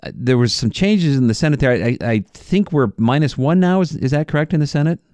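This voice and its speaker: A man's voice: on the high side, animated, fairly quick, a little mellow, no room sound. A man hosting a political talk radio show, speaking earnestly with frequent filler words.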